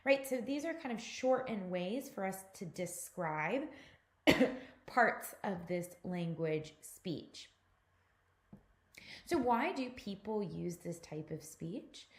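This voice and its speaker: A woman instructor talks through a recorded mini lecture at a mid-range pitch. She explains patiently and speaks straight to her students. The room gives her voice a noticeable echo. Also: lively intonation, slow. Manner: patient explanatory teaching, addressing students directly. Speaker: course instructor.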